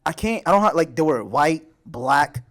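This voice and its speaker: A man's voice: a little high, expressive, normal speed, a bit bright. Laid-back young man telling a story. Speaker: podcast co-host. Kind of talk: casual chat.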